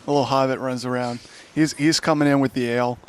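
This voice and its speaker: A man's voice: medium pitch, fairly even intonation, quick pace, noisy background. A man narrating a tabletop game as game master, rambling and correcting himself often.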